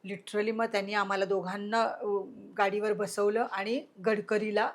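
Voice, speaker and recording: A middle-aged woman being interviewed tells a story with a mid-range voice and level tone at normal speed, acting out quoted voices and alternating between loud and hushed delivery.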